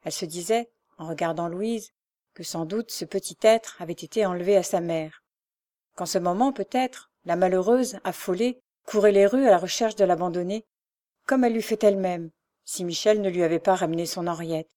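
A woman narrating a classic novel as an audiobook, in a measured, expressive reading. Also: lowish voice.

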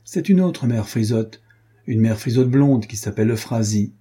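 A man's voice: mid-range voice, lively intonation, moderate pace, dark tone, breathy edge. A man voicing a wry, teasing manservant in a storybook reading.

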